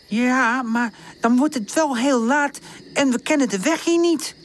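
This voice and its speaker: A woman's voice: high-pitched, measured pace, a little hiss or hum, voice pushed up. A woman voicing a young male puppy who acts brave but stammers and hesitates when unsure. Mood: hesitant.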